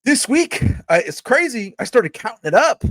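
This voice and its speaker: A man hosting a casual podcast, talking fast and excitedly and swearing freely. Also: very high-pitched. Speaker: podcast host.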